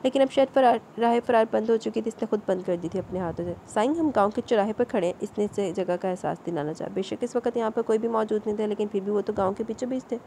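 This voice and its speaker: A woman narrating a romance novel in a steady, even reading style. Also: mid-range voice, hardly any pauses, slight background noise. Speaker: audiobook narrator.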